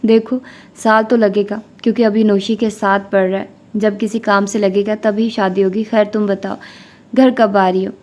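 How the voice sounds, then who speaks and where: A woman's voice: mid-range voice, little pitch movement, a little mellow, close to an everyday voice. A woman reading the lines of a tired, practical middle-aged mother in an audiobook novel. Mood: weary.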